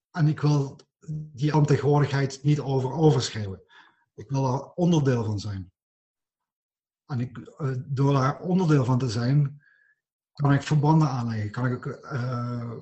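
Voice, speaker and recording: A man, a writer, talking reflectively in a slow, halting way, stuttering and restarting often. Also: medium pitch, a little mellow. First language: not English; writes in English. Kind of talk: reflective conversation.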